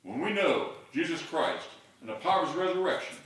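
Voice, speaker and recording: Recorded from far off in a big, reverberant sanctuary, an older male preacher works his sermon toward loud call-and-response shouting. He sounds animated and fairly quick, with a voice on the high side.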